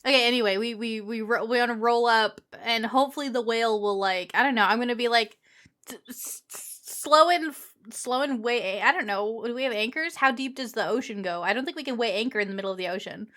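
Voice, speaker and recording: A woman playing a tabletop game, rambling and giggly as she talks. Her voice is somewhat high and bright with a forward edge. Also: fast, few pauses. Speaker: player. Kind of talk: casual tabletop play.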